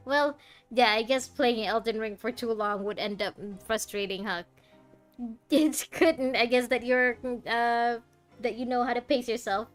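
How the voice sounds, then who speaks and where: This woman's voice is on the high side and a little slow. She streams a video game, musing informally and reacting casually to her play while game music runs behind her.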